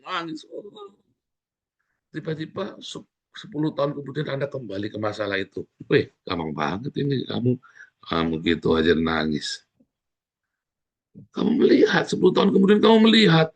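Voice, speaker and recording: A man preaching a sermon as pastor, speaking in an animated way with sudden loud exclamations. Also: a little high.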